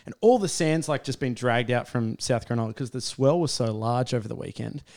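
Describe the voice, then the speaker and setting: A man's voice: medium pitch, brisk, darkish tone. Blokey young Australian man, laid-back tradie style. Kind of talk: casual chat and storytelling.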